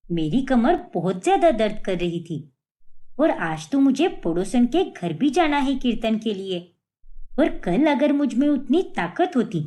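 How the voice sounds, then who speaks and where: A woman voicing a homely, fussy older mother-in-law in a cartoon story, in a lowered, aged voice and a scolding manner. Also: warm tone. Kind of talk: cartoon voice acting.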